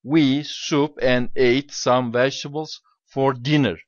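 A man's voice: medium pitch, fairly even intonation, slow, no room sound. Emphatic man teaching in a dull recording. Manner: emphatic, repeats key words. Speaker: English teacher. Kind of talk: explaining exam questions.

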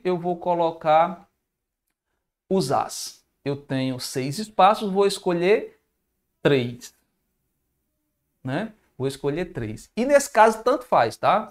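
Brazilian man teaching math live. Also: fairly high pitch. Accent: Brazilian Portuguese. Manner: informal, thinks aloud, reads viewer comments. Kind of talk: live-streamed math review lesson.

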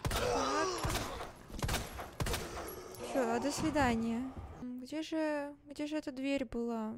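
A woman live-streaming a horror game in casual, excitable commentary, with the cute manner of an anime streamer. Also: high-pitched, slow pace, very noisy.

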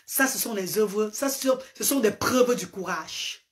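Her voice sits in the mid range and moves a little slowly as this woman, a Medumba speaker, preaches passionately in a social-media live address, repeating points for emphasis. She hosts live streams and advocates for parents. She's on a sofa in a small indoor room, recorded at close range by a phone camera.

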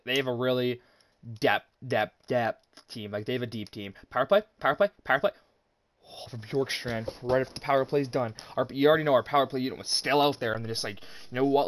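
Young man, casual game commentary, excitable, swears, mid pitch, dry room. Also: dry recording. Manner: excited, swears, talks to viewers as "boys". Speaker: gaming YouTuber.

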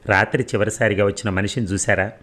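A man voicing a male police inspector who asks brisk questions. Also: fairly low pitch, steady tone, a bit bright. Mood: questioning.

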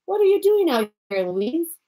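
A woman voicing a grumbling, gruff wagon train captain. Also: very high-pitched, big pitch swings, moderate pace, mellow, voice pushed up.

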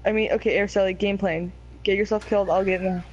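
A woman's voice: medium pitch, steady tone, fast. A woman playing a game with friends, teasing them and explaining how the game works. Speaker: fellow player. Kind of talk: casual gameplay chat. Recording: dull mic with faint hiss.

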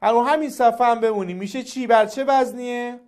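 A male teacher giving a classroom grammar lesson, coaxing and quizzing his students in a lively way. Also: very high voice.

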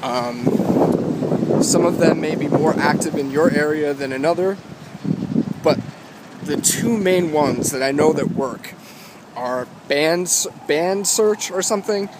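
A man's voice: on the high side, takes it slowly. Young New man, noisy street. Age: 20s. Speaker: guitar vlogger. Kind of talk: casual advice vlog. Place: outdoors walking along a city street. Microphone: phone at arm's length, wired earbuds in. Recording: loud wind and street noise on phone mic. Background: wind, traffic, urban ambience.

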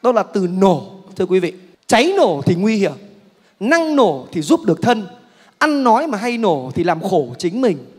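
A man's voice: sits high, very animated, normal speed, husky. A male master of ceremonies introducing a sketch with rhythmic, rhetorical wordplay on a theater stage. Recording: reverberant hall with audience.

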